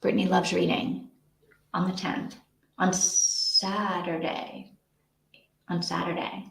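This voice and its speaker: Speaking slowly in a lowish voice with vocal fry and little pitch movement, a woman hosts a live reading sprint stream. Her chat is casual and rambling as she thinks aloud, and the untreated room she's in is echoey.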